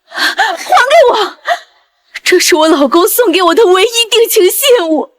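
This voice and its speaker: A woman's voice: extremely high pitch, lively intonation, a little slow. An actress playing a middle-aged mother-in-law, a hidden powerful matriarch, who swings from tearful pleading to fierce command. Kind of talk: short drama acting.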